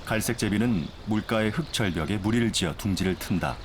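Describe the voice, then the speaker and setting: A man narrating a nature documentary from a script in a measured, formal way. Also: fairly low pitch, background noise.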